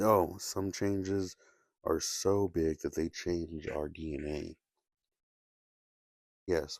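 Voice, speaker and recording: A man with a very deep voice talks in a halting, restarting way, his words full of gravelly fry. He keeps his voice low and quiet. The sound is dry and close, with no room echo. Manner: halting, many restarts and fillers, kept quiet. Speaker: video essayist. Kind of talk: casual solo commentary.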